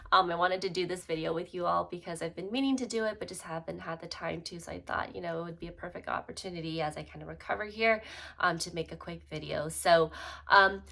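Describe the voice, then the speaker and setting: At home, a young adult woman who sounds congested chats casually through a bag review for her YouTube vlog, relaxed and full of fillers. She talks fast in a lowish voice with vocal fry.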